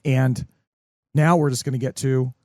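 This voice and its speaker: A man's voice: medium pitch, steady tone, measured pace, mellow, no room sound, clean studio sound. A man hosting a sports podcast in casual, rambling chat, full of likes and fillers. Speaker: podcast host.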